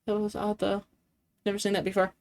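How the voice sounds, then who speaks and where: A woman's voice: mid-range voice, completely flat delivery, brisk, a little mellow. A woman streaming games, chatting casually, laughing often and swearing freely. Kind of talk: casual game-stream chat.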